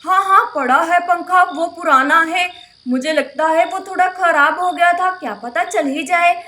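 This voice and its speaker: A woman voicing a patient grown brother in a village family, in a doll-play story, speaking lower than her own voice and calmly reassuring. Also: moderate pace. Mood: soothing. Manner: reassuring, making excuses.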